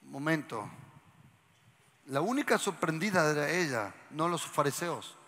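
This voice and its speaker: A male pastor preaches in a church hall with a long reverb tail. His voice sits high and bright, with wide pitch swings. He talks at an unhurried pace, drops to whispers, then bursts into shouts while quizzing the congregation. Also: animated. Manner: asks the congregation questions and has them repeat lines. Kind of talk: lively sermon to a congregation.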